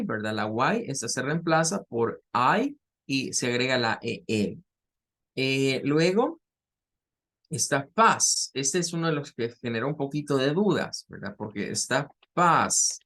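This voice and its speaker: A man's voice: mid-range voice, very animated, a little slow, fairly bright tone. A man, teaching an English class, explaining patiently with repetitions and fillers. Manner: patient, repeats words and fillers while explaining.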